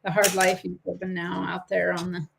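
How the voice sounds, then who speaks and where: Woman, livestream coin seller, gravelly voice, chatty and rambling. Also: fairly low pitch, monotone, moderate pace, background noise. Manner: chatty, laughs easily, rambling asides. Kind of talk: casual livestream chat.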